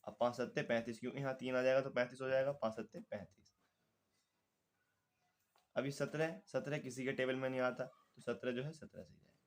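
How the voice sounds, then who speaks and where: A man with a Hindi accent teaching a math lesson step by step, patiently talking through each calculation aloud. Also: mid-range voice.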